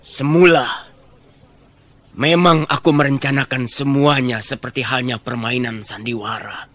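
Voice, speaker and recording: An actor playing a scheming, stern royal minister who speaks in a commanding, measured way in a radio drama. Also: male voice, medium pitch, pushed and bright. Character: scheming middle-aged male minister, stern, calculating.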